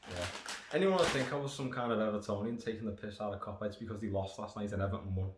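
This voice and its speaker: A British man from the United Kingdom rambles through a casual snack review, sarcastic, sweary and full of digressions. His voice sits on the low side and moves fast. The echoey room carries faint noise.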